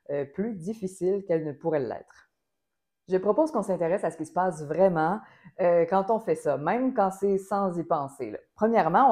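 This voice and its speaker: Female singing teacher, Québécois accent, low warm voice, precise and hesitant delivery. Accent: Québécois French. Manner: careful, precise, with frequent hesitations. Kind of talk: explanatory vocal lesson.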